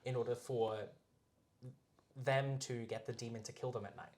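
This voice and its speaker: Halting man explaining game rules. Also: mid-range voice, steady tone, a little mellow, a little hiss or hum. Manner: halting, many fillers and restarts. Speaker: guest storyteller. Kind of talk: casual podcast chat.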